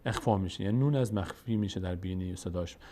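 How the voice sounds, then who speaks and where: A man with a Tajik accent teaching a step-by-step Quran recitation lesson, explaining each rule and then chanting the example words slowly and drawn out. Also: low voice, warm tone.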